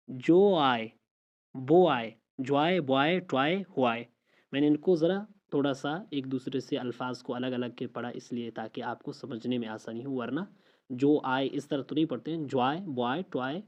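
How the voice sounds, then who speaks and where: A man teaching English pronunciation, saying example words slowly and repeating each one. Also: medium pitch, a little mellow. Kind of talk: spoken language lesson. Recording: slightly dull lo-fi audio.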